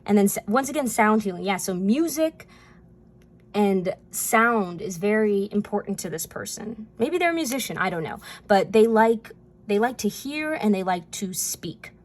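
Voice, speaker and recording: A woman's voice: medium pitch, animated, normal speed. A woman giving a casual spoken tarot reading, chatty and rambling, with frequent fillers and easy laughs. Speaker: tarot reader.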